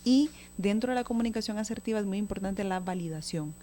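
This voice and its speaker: A woman's voice: mid-range voice, fast, warm tone, slight background noise. A woman speaking as a guest expert, explaining child communication patiently on a talk show and often checking in with a question.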